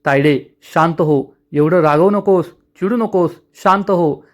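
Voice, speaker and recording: A man voicing an anxious middle-aged father trying to calm everyone down. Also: on the high side, measured pace, close to an everyday voice. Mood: placating. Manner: soothing, nervous.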